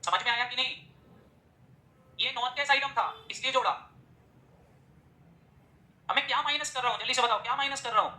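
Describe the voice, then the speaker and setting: A male accounting teacher delivers a classroom lecture at a brisk clip, constantly drilling his students with rapid-fire questions. His voice comes across bright and forceful, and the recording carries noticeable room echo. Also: very high-pitched. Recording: echoey room.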